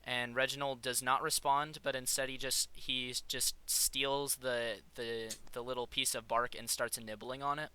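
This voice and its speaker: A man's voice: mid-range voice, level tone, a little slow, hardly any pauses, sharp tone, clean tone. A man running a tabletop game, narrating in a rambling way with frequent fillers and restarts. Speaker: game master.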